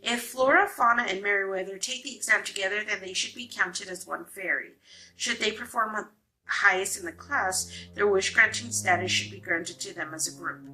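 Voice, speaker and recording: A woman's voice: mid-range voice, moderate pace, sharp tone, rough recording. A woman reading aloud voices a strict female fairy teacher who lays down rules sternly. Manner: stern, exacting and officious.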